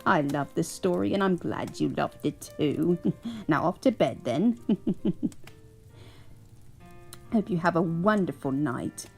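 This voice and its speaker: A woman's voice: fairly low pitch, animated, slow, creaky, long pauses, faint music behind, exaggerated voice. A woman voicing a kindly elderly English grandmother who reads a bedtime story aloud and fusses over her grandchild. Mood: cozy. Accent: put-on English. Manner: doting, chuckling, fussing over a grandchild.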